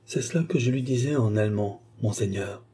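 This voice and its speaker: A man voicing a suave, mysterious count who speaks with smooth, polite assurance in an audiobook. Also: fairly low pitch, brisk, dark tone. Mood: assured.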